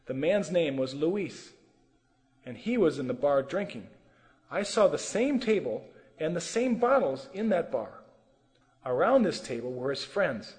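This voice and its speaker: A man's voice: fairly high pitch, very animated, a little slow, darkish tone, long reverb tail. A man telling a sermon testimony with earnest, emotional storytelling. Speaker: testimony preacher.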